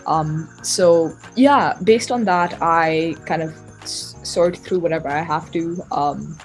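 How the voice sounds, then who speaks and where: Low-voiced girl with a light Indian accent. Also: takes it slowly, soft background music, rough recording. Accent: light Indian, British-tinged. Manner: chatty, laughs easily. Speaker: guest. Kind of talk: casual conversation.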